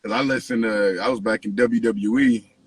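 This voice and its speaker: A man hosting a podcast in a casual, slangy, profanity-laced chat, with a husky voice. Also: lowish voice, fairly even intonation, moderate pace. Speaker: podcast host, interviewer.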